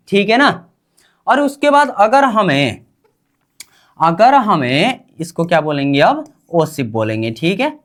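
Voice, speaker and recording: A woman teaching a language class, drilling her students with repeated questions and call-and-response. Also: medium pitch.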